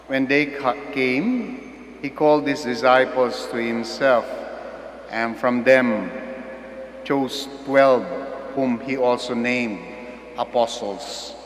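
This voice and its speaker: A Filipino priest leads the liturgy and preaches at an unhurried, measured pace. His voice rings out in a big church with a long cathedral echo. Faint room noise sits underneath. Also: mid-range voice. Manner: slow, measured liturgical delivery, switching between languages in the homily. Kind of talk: celebrating Mass and giving a homily. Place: large church.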